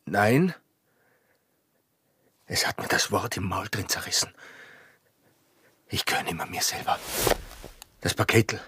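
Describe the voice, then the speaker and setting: In a radio drama, a male actor plays a border guard who is proud, bitter and smitten, speaking an Austrian rural dialect with intensity. His voice is hoarse, breathy, medium-pitched and a bit bright. The studio sound is clean, with no echo.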